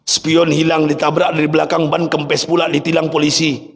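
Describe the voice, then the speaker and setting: A male preacher telling an emotional sermon story, swinging from high, loud passion to soft, tender quoted lines. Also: completely flat delivery, brisk. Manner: rises high and loud in impassioned stretches, drops low and soft for tender quoted words. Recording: long hall reverb.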